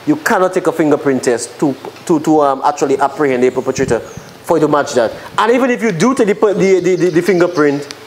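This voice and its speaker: A Dominican-accented man moderates a panel discussion, earnest but stumbling over words and restarting often as he makes his points. His voice is fairly high, and the rough recording carries a little hiss or hum.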